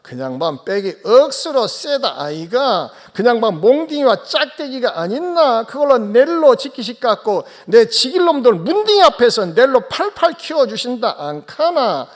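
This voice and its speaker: A man's voice: very high voice, very animated, normal speed, few pauses, voice pushed up. Man doing a blunt Gyeongsang countryman. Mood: boastful. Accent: Gyeongsang dialect. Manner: gruff, emphatic tag questions. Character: blunt Gyeongsang countryman boasting of his shepherd.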